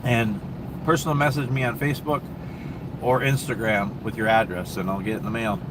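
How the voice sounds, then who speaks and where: A man with a lowish voice and a Minnesota accent talks a little fast in a steady tone while hosting a casual livestream. Answering viewer questions, he rambles easily with many ums and restarts, over background traffic and air conditioning noise at a truck stop.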